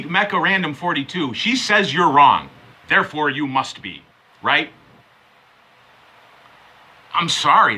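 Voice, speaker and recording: A man's voice: fairly high pitch, sharp tone, husky, rough recording. A man ranting angrily into the camera, sarcastic, confrontational and full of swearing. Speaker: vlogger. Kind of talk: angry rant to camera.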